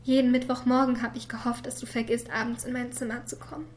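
A woman voicing a quiet, hurt young girl who reads a letter to her father in a soft voice that sometimes drops to a whisper. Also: a little high, flat delivery, fast talker, slight background noise, lightly acted. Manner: soft and subdued, at times whispered. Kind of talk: voice-over reading of a letter.

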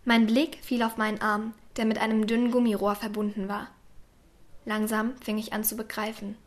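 A woman reading a first-person story aloud in a quiet, subdued way, sometimes dropping to a whisper. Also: on the high side, flat delivery, normal speed. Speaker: narrator.

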